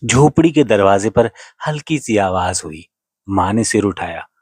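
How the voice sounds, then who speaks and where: A man's voice: fairly low pitch, expressive, a little slow, a little mellow, breathy edge, dry recording, studio quality. A man narrating a devotional story in an earnest, dramatic way.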